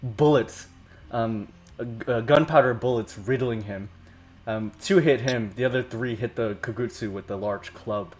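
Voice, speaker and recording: A man as game master, improvising narration for a tabletop game in a halting way, often repeating words. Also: medium pitch, slight background noise.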